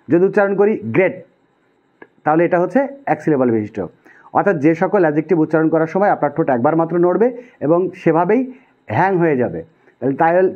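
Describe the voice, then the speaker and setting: A man with a Bangladeshi Bengali accent explains grammar rules in a patient, step-by-step way, circling back to repeat each point. His voice sits a little high. The recording is dull and lo-fi. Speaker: English grammar teacher. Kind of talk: explanatory lesson. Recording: dull lo-fi sound.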